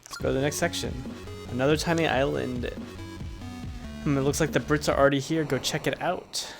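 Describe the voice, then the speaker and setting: A man's voice: mid-range voice, steady tone, a little fast, gravelly. Offhand man rambling through gameplay. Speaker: streamer. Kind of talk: casual gameplay commentary. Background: faint game music.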